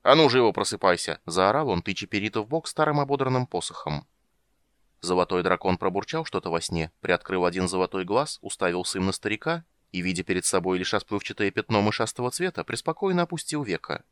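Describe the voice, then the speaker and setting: A man narrating a fantasy audiobook in an expressive, animated reading. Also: low-pitched, fast, clean tone, no echo.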